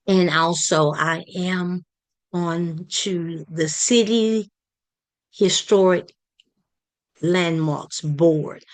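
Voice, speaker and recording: A woman gives a community presentation, taking her time and pausing often on fillers and restarts. Her voice sits fairly low, and her delivery is unhurried and halting. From Palestine, Texas. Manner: hesitant, many fillers and restarts. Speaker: community project leader presenting.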